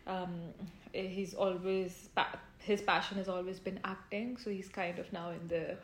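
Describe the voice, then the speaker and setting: Recorded in an echoey room with a faint hum of background noise, a Pakistani woman in her twenties talks casually in an interview, laughing easily and using plenty of fillers. She speaks at a measured pace in a lowish voice that barely shifts in pitch.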